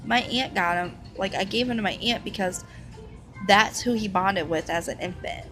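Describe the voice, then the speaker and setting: A woman in her twenties, a vlogger, talks casually to the camera about her illness, rambling with fillers and restarts. Her mid-range voice moves at a moderate pace over music, and the recording quality is low.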